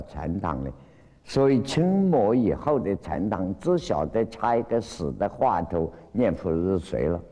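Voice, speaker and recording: A man teaching as a Buddhist lecturer, retelling a Zen story with lively acted-out cries and frequent drawn-out fillers. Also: lowish voice. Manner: animated storytelling, acts out quoted cries. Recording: long hall reverb.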